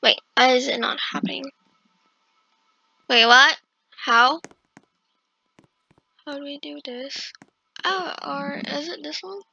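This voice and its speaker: A woman's voice: high voice, measured pace, vocal fry, pauses often, sharp tone, no room sound. A woman giving casual gameplay commentary, chatting and reacting aloud to herself as she plays, on a slightly lo-fi recording. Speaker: gaming video host.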